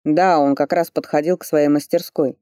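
A man's voice: fairly high pitch, steady tone, normal speed, warm tone, no room sound, natural voice. Reader doing flustered male police boss, caught off guard, dry close sound. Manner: startled, defensive, then sheepish. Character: flustered police chief, man. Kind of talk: audiobook character voice.

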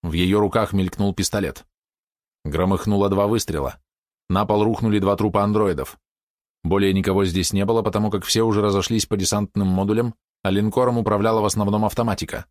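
A male narrator reading a science-fiction story aloud at a steady pace. His voice is low. The recording is dry and close. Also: a little fast, no echo. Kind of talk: audiobook narration.

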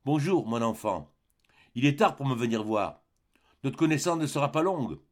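A man's voice: medium pitch, very animated, moderate pace, vocal fry. A man voicing a frail, dying old man who speaks faintly and breathlessly in short, clipped phrases.

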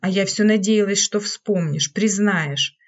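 A woman's voice: medium pitch, unhurried, close to an everyday voice. A woman reading an audiobook, voicing a hysterical, jealous woman servant who speaks in a bitter, accusing way. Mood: desperate. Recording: dull lo-fi recording.

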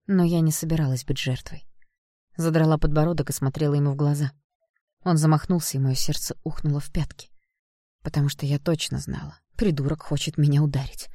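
A woman narrating a first-person audiobook in an expressive storytelling manner. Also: low voice, fairly quick, no room sound, studio quality.

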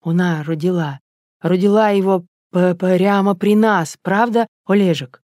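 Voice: medium pitch, unhurried, a little mellow, no echo, clean studio sound, natural voice. A reader voicing a stunned older village father in an audiobook, stammering as he speaks.

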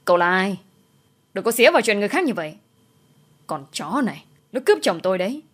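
A woman's voice: mid-range voice, very animated, fast, a bit bright. A woman voicing a furious middle-aged woman who screams accusations. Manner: screeching accusations.

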